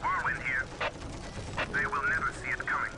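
A man's voice: mid-range voice, level tone, normal speed. An actor playing a stern male artillery tank crewman in a video game, giving terse military call-outs through an echoey metallic vox filter. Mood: dutiful. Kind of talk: video game unit voice lines. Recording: echoey, distant, under loud game noise.

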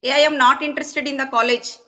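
A woman college lecturer with an Indian accent speaks on an online class call. Her voice is high and forceful, and she argues indignantly, confronting and complaining. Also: steady tone, fast talker. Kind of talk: online class talk turned heated argument.

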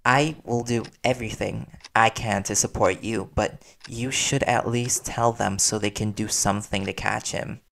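Playing a devoted young reporter boyfriend who is worried, a man speaks earnestly and soothingly in an intimate audio roleplay, pausing hesitantly. His fairly low, gravelly voice is a bit bright and keeps a steady tone, with slight background noise behind it. The mood is one of earnest persuasion.

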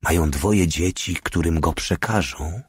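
A man voicing a weary, humble old prisoner in an audiobook, speaking quietly with dignity. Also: low voice, measured pace, breathy edge, no room sound, studio quality, exaggerated voice.

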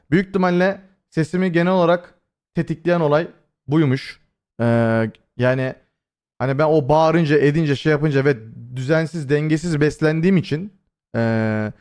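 On the high side with a darkish tone, this young man's voice carries a casual livestream chat full of swearing, rambling, and filler words, aimed directly at his chat. He's been hoarse lately.

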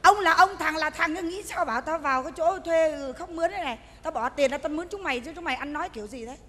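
A woman's voice: high-pitched, fast, fairly bright tone. A woman, playing a stingy, bossy funeral host in a stage comedy sketch. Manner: bossy, scolding, northern speech. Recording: stage recording in a reverberant hall.

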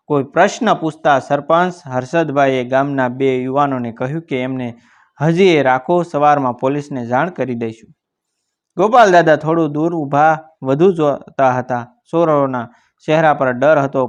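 A man reading a village story aloud in a steady, measured narration. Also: medium pitch, muffled recording.

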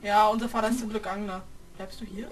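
A woman's voice: mid-range voice, steady tone, fast. A young woman casually commenting on a video game, bickering with her sister in slangy, exclaiming talk. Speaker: let's play co-host. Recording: distant mic with faint noise.

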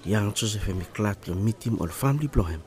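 A man with a ni-Vanuatu accent narrates a scripted documentary in Bislama, a Melanesian pidgin much like Solomon Islands Pidgin. He talks fast with lively intonation in a fairly low voice, and crowd noise can be heard.

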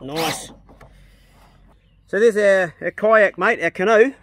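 A man's voice: sits high, takes it slowly, noisy background. A man with a broad New Zealand accent chatting casually for a DIY vlog in a blokey, matey way, recorded outdoors on a handheld phone. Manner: blokey, matey, laid-back swearing. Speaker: vlogger. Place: outdoors on a rural property.

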